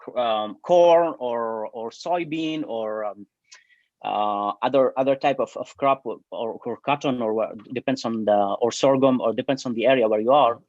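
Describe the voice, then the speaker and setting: A man's voice: medium pitch, moderate pace, a little mellow, dry recording, highs cut off. Syrian-born man, hesitant. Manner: hesitant, many fillers and restarts. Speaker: bee researcher guest. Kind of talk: interview answers.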